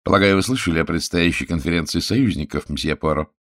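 A man's voice: sits low, quick pace, a bit bright, no echo, clean studio sound. A man voicing a grave, worried senior statesman in an audiobook, formal and solemn.

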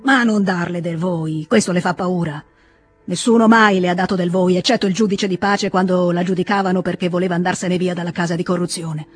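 In an Italian audiobook, a reader voices a grown man who is drunk, frightened and volatile, breaking into excited, pleading outbursts. The delivery is mid-range, fairly quick, agitated and lightly acted, with faint music behind it.

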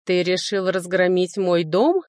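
Woman putting on a sly mocking high lord. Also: unhurried, a little mellow, no echo, clean studio sound, lightly acted. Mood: defensive. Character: sly male high lord, a mage, evasive.

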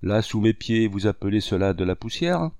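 Man reading a defiant broke artist for an audiobook, boastful and loud, pitch swinging wide, dry sound. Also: lively intonation, moderate pace, no echo. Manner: boastful, exclamatory. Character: proud, defiant poor artist man, laughing off advice.

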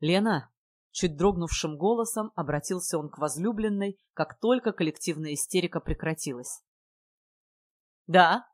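Woman narrator, low voice, dry close sound, wry audiobook reading. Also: fairly quick, hardly any pauses, a little mellow, no echo.

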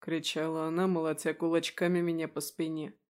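A man's voice: on the high side, little pitch movement, brisk, clear, resonant tone. A man narrating an audiobook in the first person.

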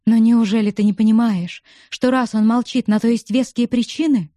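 A woman reading the part of a distraught, loyal young woman who pleads and protests, in a mellow, dark voice. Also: fairly high pitch, fairly even intonation, moderate pace, no echo, studio quality, natural voice. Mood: pleading. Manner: pleading, emotional.

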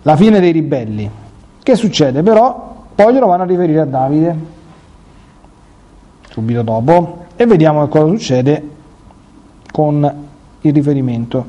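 A male catechist reads scripture and breaks off into conversational commentary aimed at his listeners. His voice is mellow and warm and sits a little high for a man. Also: animated, unhurried, pauses often. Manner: conversational, addresses listeners directly. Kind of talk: Bible reading with commentary.

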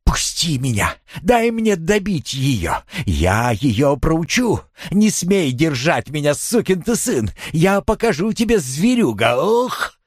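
A man voicing a hysterical, jealous wife who screams drawn-out threats in a storybook reading. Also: a little high, sing-song, breathy edge, no echo, studio quality, voice pushed up, full character voice. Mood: frantic rage. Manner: screaming threats, dragged-out words.

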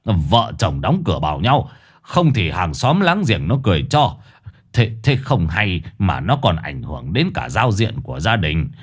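A man's voice: low-pitched, big pitch swings, unhurried, slightly rough, pitched below the performer's own voice, full character voice. A man voicing a fussy middle-aged village chief who stammers and talks hesitantly. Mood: placating.

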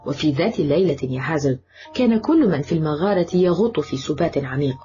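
A woman playing a proud seductive cursed beauty, low mellow voice, audiobook drama, dull lo-fi with music behind. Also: lively intonation, fast talker.

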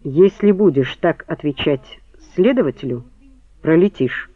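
A man reading as a sharp, probing woman. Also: a little high, animated, unhurried, dry recording. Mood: cool. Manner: cool, cutting questions. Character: sharp, probing woman questioning her lover. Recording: tinny phone-like band, dry.

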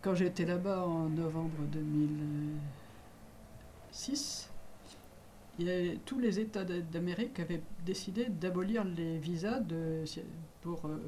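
A man's voice: a little high, dark tone, slight background noise. A man giving a radio interview, speaking hesitantly with many restarts and fillers.

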